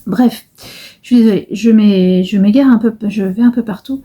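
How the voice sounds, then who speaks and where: A woman's voice: medium pitch, moderate pace, mellow, husky. A middle-aged woman chatting casually in a vlog about her embroidery, hesitant and rambling with many fillers and restarts. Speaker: embroidery vlogger.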